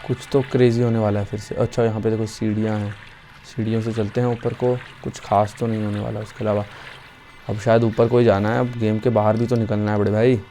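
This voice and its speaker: Swearing gamer mutters and yelps. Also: male voice, fairly low pitch, little pitch movement, fairly quick, faint music behind. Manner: profane, jokey, mutters quietly then shouts when startled. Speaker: gaming YouTuber playing a horror game. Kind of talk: casual let's-play commentary.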